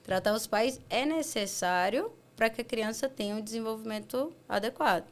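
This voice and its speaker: A woman pediatrician with a Brazilian accent, explaining calmly in a casual interview and acting out parents in quick asides. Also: fairly high pitch. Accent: Brazilian Portuguese. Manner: animated, acts out parents and children in quick asides. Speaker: pediatrician guest.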